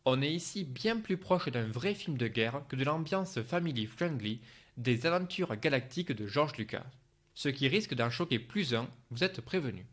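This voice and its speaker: A man's voice: mid-range voice, expressive, moderate pace. A man reading a scripted film review as a voice-over narration.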